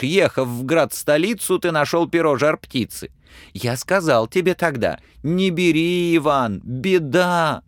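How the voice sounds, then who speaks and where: A man's voice: on the high side, dry recording, studio quality, pitched above the performer's own voice. A man voicing a kind, wise little humpbacked horse in a storybook reading, coaxing and soothing.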